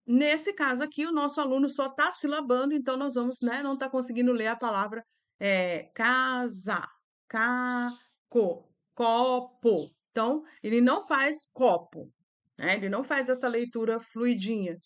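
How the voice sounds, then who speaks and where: Chatty woman teacher, bright high voice. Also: moderate pace. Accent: Brazilian Portuguese. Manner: chatty, with frequent tag questions.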